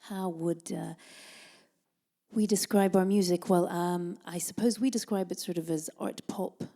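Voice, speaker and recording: A woman's voice: on the low side, steady tone, a little slow, creaky. A woman from Italy, raised in Denmark, answering interview questions in a thoughtful, hesitant way and sometimes dropping to a near whisper. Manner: thoughtful, many ums and uhs; soft, at times drops to a whisper. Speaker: jazz vocalist and band leader.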